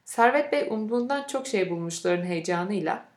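Female narrator, mid pitch, measured audiobook read, roomy echo. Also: animated.

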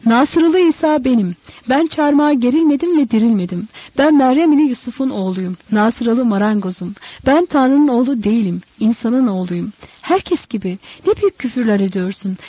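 A woman voicing an enraged grown man who shouts in a raised, forceful voice, read in a storybook reading. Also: a little high, lively intonation, moderate pace, few pauses, dry recording. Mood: furious. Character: furious grown man, a carpenter denying he is divine.

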